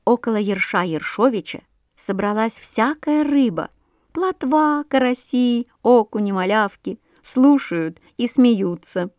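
A woman reads a children's tale aloud in an expressive storytelling manner. Her voice sits somewhat high, and her pace is slow and unhurried. The sound is dry and close. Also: no room sound. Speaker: narrator.

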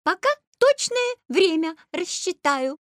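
A man voicing a tiny male clockwork creature in an audiobook, with a squeaky, excited manner. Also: slow, dry recording, clean studio sound, heavily acted. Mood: eager. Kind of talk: audiobook character voice.

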